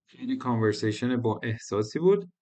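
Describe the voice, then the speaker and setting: A man's voice: mid-range voice, lively intonation, warm tone. A male English teacher explaining a lesson patiently, repeating phrases and switching between languages.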